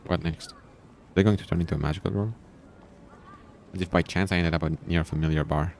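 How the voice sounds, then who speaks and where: A man reads a visual novel aloud and keeps interrupting with casual, informal asides reacting to the story. His low voice is steady, brisk and slightly mellow, with background music and a bit of background noise.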